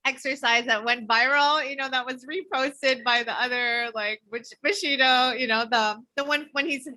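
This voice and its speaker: Bright, eager woman interviewer; laughs often, dry close mic. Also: high-pitched, fairly even intonation, normal speed, no room sound. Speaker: podcast host. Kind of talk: casual interview.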